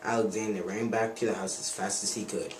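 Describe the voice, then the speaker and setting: A man's voice: lowish voice, fairly even intonation, a little fast. A man reading a children's storybook aloud in an earnest way with small slips and self-corrections, recorded on a camcorder mic. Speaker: reader. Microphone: handheld camcorder mic. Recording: roomy, distant camera mic, faint noise.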